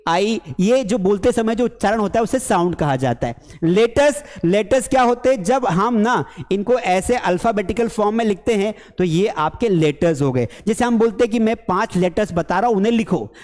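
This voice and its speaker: A man's voice: sits high, a little mellow, in a large hall. A man from India teaching a spoken English lesson, chatty, asking questions and answering them himself. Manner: chatty, asks and answers his own questions, mimics students.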